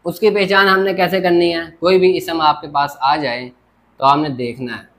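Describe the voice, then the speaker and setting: A man's voice: fairly high pitch, fairly even intonation, normal speed, fairly bright tone. A man teaching a grammar lesson at a board, explaining step by step and often checking with "theek ho gaya". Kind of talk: classroom lecture at a board.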